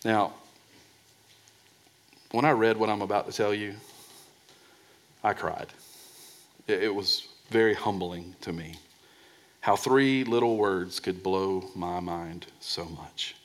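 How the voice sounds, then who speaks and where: Taking it slowly and pausing often, a pastor delivers a sermon. He presses his points, sinks into a soft low voice on the key words, and frequently repeats words when restarting.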